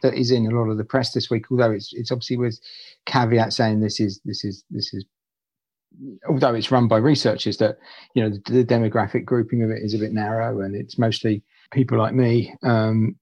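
A man's voice: on the low side, flat delivery, a little fast, a little mellow, husky, dry recording, dull audio. A male poet talking in a conversational interview, hesitant, often restarting and repeating words.

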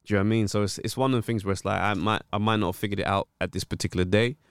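A man with a London roadman accent talks in a fairly deep, smooth voice. He answers casually and emphatically in street slang, often checking that he is understood. The recording is close and dry. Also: fairly even intonation, racing, no room sound. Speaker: stand-up comedian and podcaster, interview guest. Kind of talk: casual conversational interview answers.

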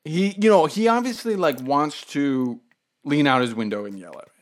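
Guy ranting about his run, swearing a lot, voice jumps all over, kinda high. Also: moderate pace. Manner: animated, profane, laughing storyteller. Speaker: podcast co-host. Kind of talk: casual storytelling chat.

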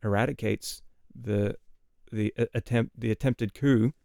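A man, a guest on a podcast, explaining scripture in a thoughtful, measured way, pausing and restarting as he works through his points. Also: medium pitch, steady tone, creaky, dark tone, dry recording, clean studio sound. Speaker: podcast guest, Bible teacher.

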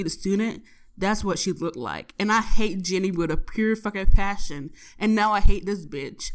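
A young woman telling a story from her day in a casual, profane and exasperated way, with lots of swearing. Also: medium pitch. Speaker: podcast host.

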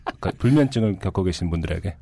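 Reflective podcast man, animated pitch. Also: very fast, vocal fry, no room sound, studio quality. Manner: reflective, explaining, chuckles often. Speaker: podcast co-host. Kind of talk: casual podcast chat.

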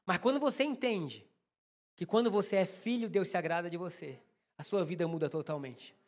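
A pastor with a Brazilian Portuguese accent preaches to his congregation in a very high voice for a man. He tells a personal story with humor and speaks straight to the listeners. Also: moderate pace. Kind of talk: sermon.

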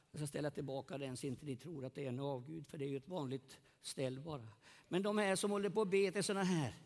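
A middle-aged male pastor preaching to a congregation in a meeting hall, animated, swinging between loud and soft and asking the listeners questions. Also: high-pitched. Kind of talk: evangelistic sermon. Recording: long hall reverb.

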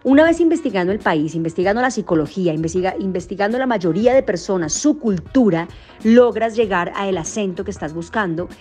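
A woman's voice: mid-range voice, animated, brisk, darkish tone, faint music behind. A young adult woman from Colombia, a voice actor and singer, answering interview questions thoughtfully with frequent restarts and fillers.

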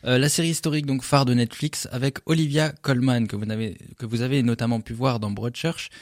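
A man's voice: mid-range voice, fairly even intonation, brisk, dry recording. Chatty male radio columnist, dry studio sound. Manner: chatty, self-mocking, laughs easily. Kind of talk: casual radio chat.

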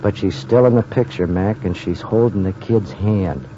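An actor playing a plain-spoken police officer in an old radio drama, talking in slangy 1930s cop style. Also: male voice, lowish voice, moderate pace, mellow, natural voice. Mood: earnest. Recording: dull, noisy old radio recording.

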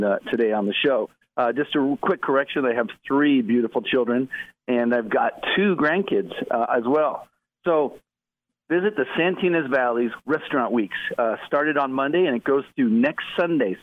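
A man's voice: medium pitch, no echo. A middle-aged man speaking conversationally as a radio interview guest over a narrow phone-like line. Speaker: interview guest, tourism executive.

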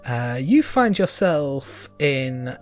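Animated, unhurried game master narrating. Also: mid-range voice, faint music behind. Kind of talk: narrating a tabletop role-play game.

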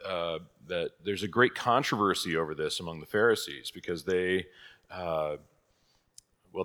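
A pastor leading a prayer and then teaching a catechism class in a conversational way, thinking aloud, heard with a cathedral-like echo. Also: male voice, fairly low pitch, sharp tone. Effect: cathedral-like echo, long hall reverb. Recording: long reverb in a large hall.

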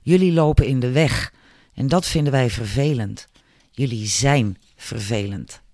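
A man's voice: medium pitch, measured pace, darkish tone, no echo, clean studio sound, pitched below the performer's own voice, close to an everyday voice. A man voicing a cruel, mocking bully boy in an audiobook, sneering and jeering. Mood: menacing.

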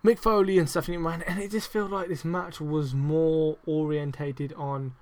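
A man hosting a casual wrestling review podcast, rambling with lots of fillers, swearing heavily and getting excitable and emphatic. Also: a little high, moderate pace. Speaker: podcast host.

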